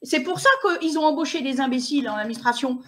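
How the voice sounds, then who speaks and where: A woman with a high voice talks fast and insistently as a guest in an emphatic conversational interview. Indignant, she keeps restarting her sentences over and over.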